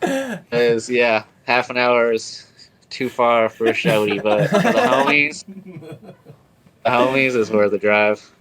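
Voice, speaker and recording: A man's voice: medium pitch, lively intonation, takes it slowly, pauses often, crowd noise. A man chatting casually as a podcast guest, talking on a speakerphone call. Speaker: podcast guest, glass artist. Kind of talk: casual chat.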